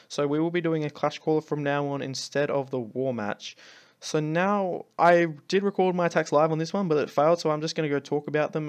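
Exasperated man ranting over game replays. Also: a little high. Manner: exasperated, ranting, swearing freely. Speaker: clan leader and channel host. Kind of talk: casual gameplay commentary over replays.

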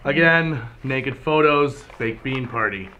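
A man's voice: mid-range voice, slow, dull audio. A male radio DJ giving mock-serious, rambling non-answers in a comedy debate.

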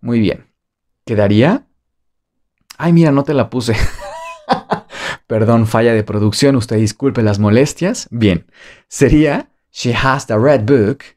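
A man's voice: mid-range voice, slow, long pauses, a little mellow. A man with a Mexican Spanish accent teaching a beginner English lesson online, playful and jokey, drilling phrases by repetition.

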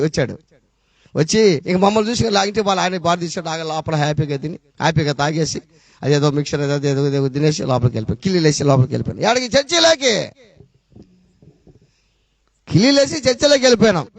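A middle-aged man with a Rayalaseema accent preaching a testimony sermon, throwing out rhetorical questions and swinging between loud and low. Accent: Rayalaseema Telugu. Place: church.

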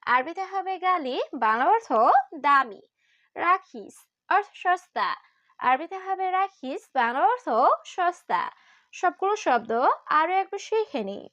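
A woman teaching one by one in a slow, measured drill, repeating each word and its meaning. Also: very high-pitched, expressive, pushed and bright, no room sound, lo-fi sound. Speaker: Arabic language teacher. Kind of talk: slow vocabulary drill lesson.

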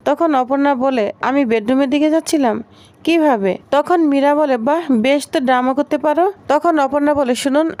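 Woman with a high voice, plain dry recording, narrating a tv serial recap. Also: a little mellow, dry recording. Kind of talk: retelling a TV serial episode.

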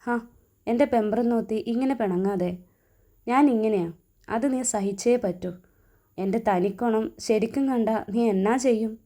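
A woman voicing a hot-tempered, teasing young husband in a storybook reading, in a gruff, bantering way. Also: fairly high pitch, moderate pace, warm tone, natural voice.

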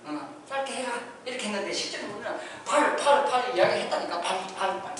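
A man's voice: very high voice, animated, fairly quick, gravelly, a bit bright, slight background noise. A man giving a lecture, explaining step by step and asking his own rhetorical questions, recorded from a distance in a lecture room. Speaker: lecturer on ancient Korean script. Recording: echoey hall, distant mic, faint ambience.

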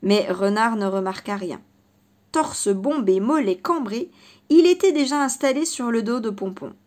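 A woman reading a children's storybook aloud in a lively, expressive voice. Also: a little high, normal speed.

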